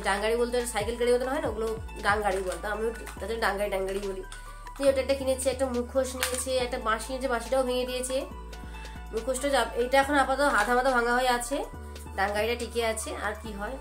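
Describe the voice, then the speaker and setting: A young adult woman vlogging casually from home, talking in a quick, rambling, chatty way as she shows what she bought. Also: on the high side. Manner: rapid, chatty, rambling talk. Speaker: lifestyle vlogger. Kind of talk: casual home vlog chat. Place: indoors at home, fan running.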